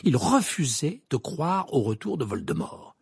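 A man narrating a storybook in an expressive, animated reading. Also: a little high, unhurried, gravelly, breathy edge, no echo, clean studio sound. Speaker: audiobook narrator. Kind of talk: scripted narration.

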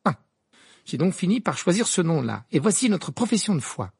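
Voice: medium pitch, very animated, normal speed, vocal fry, a little mellow, husky, dry recording, studio quality, pitched above the performer's own voice, exaggerated voice. An audiobook reader voicing Hermione, an earnest, bossy teenage witch who lectures with eager insistence. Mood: ardent. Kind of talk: audiobook character voice.

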